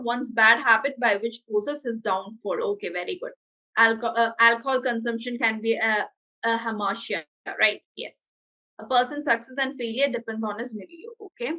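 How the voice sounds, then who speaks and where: Slow-talking Malayali woman teacher. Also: fairly high pitch, pushed and bright, rough recording. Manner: switches between English and Malayalam, hesitant fillers. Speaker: English teacher. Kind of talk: online class teaching. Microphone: video call.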